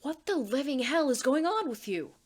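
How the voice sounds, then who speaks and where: A woman's voice: high-pitched, sing-song, moderate pace, voice pushed up. A woman reading fan fiction aloud and voicing an exasperated, outspoken teenage girl who swears bluntly.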